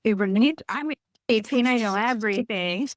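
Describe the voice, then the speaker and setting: A woman's voice: fairly high pitch, normal speed, no echo, clean studio sound. A young woman hosting a podcast, asking questions in an enthusiastic, chatty way with many fillers. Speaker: podcast host. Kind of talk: casual conversational interview.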